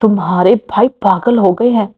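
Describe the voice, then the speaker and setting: A woman's voice: medium pitch, moderate pace, slightly rough, natural voice. A woman voicing a bold young woman who gets flustered, in a romance story. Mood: exasperated. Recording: muffled lo-fi recording.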